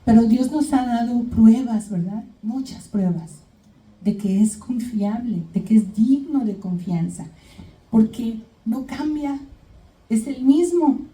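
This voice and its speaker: A woman's voice: fairly high pitch, slow pace, dark tone. A woman preaching a sermon to her congregation, retelling Bible stories and often checking in with her listeners as she goes. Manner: addresses congregation as brothers and sisters. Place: church. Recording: echoey church hall, mic at a distance.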